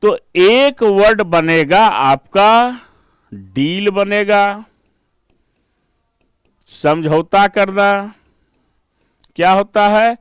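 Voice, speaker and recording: A man's voice: high voice, very slow, long pauses, smooth, no room sound. A man with an Indian accent teaching an exam-prep reasoning lesson, explaining step by step in mixed Hindi and English and checking in with rhetorical questions.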